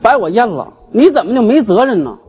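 A man, a guest telling his grievance on a TV talk show in an animated, aggrieved way. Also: sits high, a little fast, slightly rough. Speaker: guest, husband seeking divorce. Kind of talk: emotional storytelling on a TV talk show.

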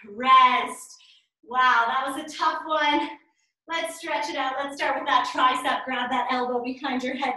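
A woman's voice: high-pitched, bright, forceful tone. A woman in her thirties coaching a workout with counts and cues, encouraging and urging while she exercises along. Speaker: fitness instructor. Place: small bare indoor room at home. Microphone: camera a few meters away. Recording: echoey bare room, distant mic.

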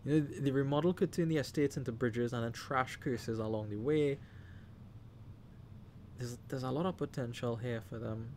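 A man with a Trinidadian accent calls a card game live, speaking to the players and shouting with excitement at big plays. His voice is medium-pitched and moderately paced, and there's a bit of hiss or hum in the recording.

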